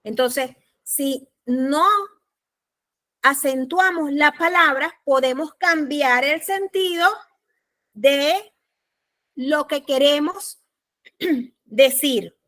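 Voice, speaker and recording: Slow, bright-voiced woman lecturing. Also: high voice. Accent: Panamanian Spanish. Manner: slow, deliberate, repeats key points. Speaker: law lecturer. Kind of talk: recorded class lecture.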